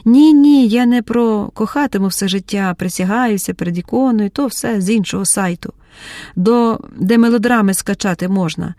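A woman reading an audiobook, voicing a tense young woman who breaks into hysterical shouting. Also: medium pitch, moderate pace, no echo, clean studio sound, close to an everyday voice. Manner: shouting, pleading outbursts.

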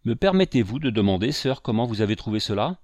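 A man's voice: mid-range voice, big pitch swings, fast talker, darkish tone, no echo. A man voicing a proud, upset young woman in an audiobook, curt and defensive. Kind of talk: audiobook character voice.

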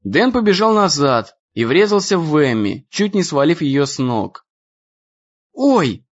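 A man narrating an adventure audiobook in an expressive storytelling reading. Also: on the high side, normal speed, dull audio.

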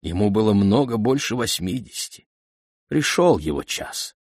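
Guy doing a weathered old messenger, bows and scrapes, low husky voice. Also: sing-song, a little mellow, no room sound, studio quality. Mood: deferential. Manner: deferential, slow and low. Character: old weather-beaten male royal messenger, humble.

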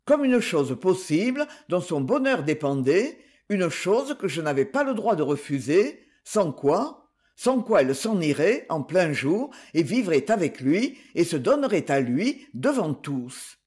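A man voicing a slight, calm husband who tells a grim story in a light, coolly ironic tone, read as an audiobook. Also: high-pitched, measured pace. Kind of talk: audiobook reading.

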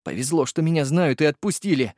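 A man voicing a jittery, cautious young male driver who haggles excitedly. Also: fairly high pitch, brisk, dry recording, studio quality, voice pushed up, natural voice. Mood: agitated.

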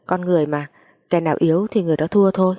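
Woman audiobook reader, low and mellow, mournful. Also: fairly even intonation, very fast. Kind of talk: first-person story narration.

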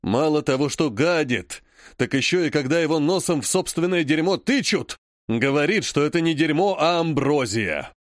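A man playing a slow, grumpy old grandfather. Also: a little high, lively intonation, dry recording, studio quality, lightly acted. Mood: grumbling. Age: over 60. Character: grumbling old grandfather, head of a clan.

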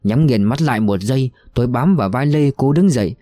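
A man's voice: medium pitch, a little fast, no echo, studio quality. Somber male audiobook narrator. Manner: somber, steady reading. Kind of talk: scripted narration of a war novel.

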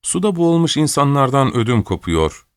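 A man's voice: mid-range voice, sing-song, fairly quick, clear, resonant tone, dry recording, clean studio sound, pitched above the performer's own voice, natural voice. A man reading an audiobook, voicing an old, imperious countess who scolds and gives orders. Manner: scolding, commanding, querulous.

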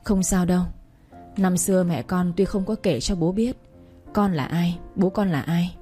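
A woman voicing a dying middle-aged father who talks slowly, weary and apologetic. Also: lowish voice, mellow, faint music behind, natural voice. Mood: weak, pleading.

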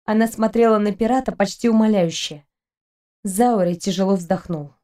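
A woman reading an audiobook aloud as narrator, in a steady, even manner. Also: mid-range voice, moderate pace. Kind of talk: scripted narration.

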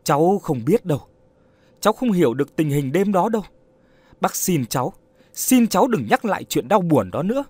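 A man voicing a grieving, guilt-ridden old man who speaks quietly and breaks into anguished cries. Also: sits high, big pitch swings, moderate pace, no echo, voice pushed up.

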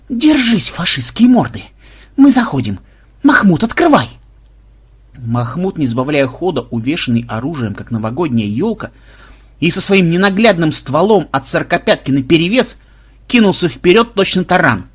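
A man narrating an action audiobook in an expressive manner. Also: a little high, slightly rough.

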